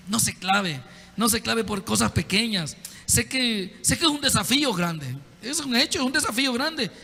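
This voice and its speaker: A pastor preaching a sermon in a conversational way, often putting direct questions to the congregation. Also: male voice, sits high, vocal fry, bright, forceful tone, long reverb tail. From El Salvador. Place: church.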